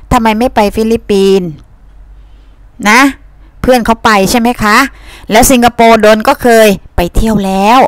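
Woman teacher explaining a reading lesson, kinda high voice, keeps asking the class questions, very dry sound. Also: no room sound. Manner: chatty, asks pupils questions and answers them herself. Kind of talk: reading-comprehension lesson to students.

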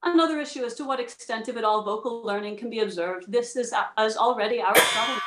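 Over a video call from a room at home, a woman gives a dramatic reading of a scientific paper she's presenting and then takes questions. Her voice is a little high and she talks fast, with loud music behind her. The video call mic produces roomy, echoing audio.

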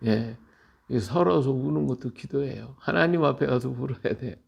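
Gravelly-voiced man preaching earnestly. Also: mid-range voice, moderate pace. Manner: earnest, repetitive, emotional emphasis. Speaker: Bible teacher. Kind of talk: conversational sermon on a Bible reading.

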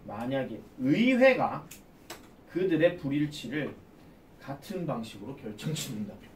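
A man teaching English at an academy explains a reading text in a classroom lecture, asking his students questions and then answering them himself. His mid-range voice is sing-song at a normal pace, captured from afar in an echoey room with slight background noise.

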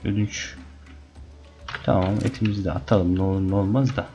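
Low, dark-voiced man playing a game. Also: steady tone, brisk, faint music behind. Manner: playful, taunts the game animals, chatty with viewers. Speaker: gaming channel host. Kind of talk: Let's Play commentary.

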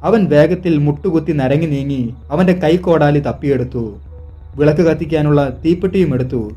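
A man from Kerala, India, narrating a scripted hunting story in a steady, suspenseful manner. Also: fairly high pitch, normal speed, muffled recording, faint music behind.

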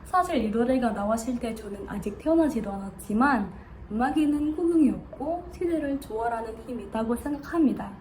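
A woman's voice: on the high side, expressive, brisk, a little mellow, low-quality recording. A young woman with an Indonesian accent gives a formal, rehearsed contest speech. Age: young adult. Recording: clear background noise.

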